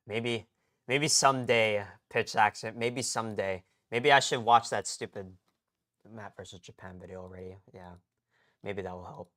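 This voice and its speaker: A man's voice: fairly low pitch, slow pace, pauses often, bright, forceful tone. A man chatting on a late-night live stream, rambling in slang and often cutting himself off mid-sentence. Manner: rambling, slangy, self-interrupting.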